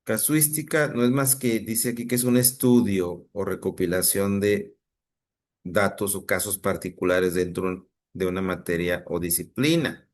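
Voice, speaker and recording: Low-voiced Mexican teacher checking in often. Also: male voice, steady tone, a little slow. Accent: Mexican Spanish. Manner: patient, checks in often with students. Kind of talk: online class lesson.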